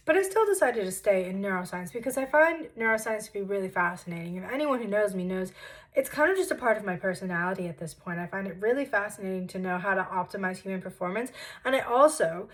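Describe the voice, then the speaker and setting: A woman in her twenties telling her story in a casual vlog from her childhood bedroom, chatty and self-deprecating with animated asides. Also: medium pitch, fast, low-quality recording. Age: 20s. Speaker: vlogger.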